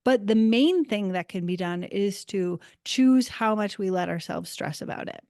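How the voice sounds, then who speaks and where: A woman talks through her work and her everyday stories in a relaxed interview. Her delivery is reflective but animated, full of casual "like"s. The recording is close and dry, with no room sound. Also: mid-range voice, normal speed, dry recording. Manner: reflective, animated storytelling with frequent "like". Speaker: guest, Akashic Records practitioner.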